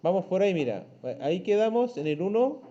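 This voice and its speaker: Chilean man, schoolteacher, patient, slightly high mellow voice, muffled call audio. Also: very animated, fairly quick, noisy background. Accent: Chilean Spanish. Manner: patient, checks in with frequent "¿ya?" and "¿cierto?". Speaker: primary school teacher. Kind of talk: online class lesson.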